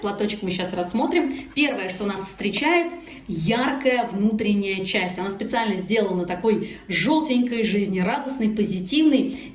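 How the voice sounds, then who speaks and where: A woman's voice: mid-range voice, darkish tone. A woman giving an upbeat, explanatory, casual product review as she talks through an unboxing. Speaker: product presenter. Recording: echoey room, faint background noise.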